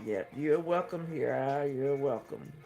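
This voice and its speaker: A man's voice: mid-range voice, measured pace, vocal fry, mellow, soft background music. A man hosting a craft livestream, reading viewer comments aloud and answering them in a hesitant, thinking-aloud way.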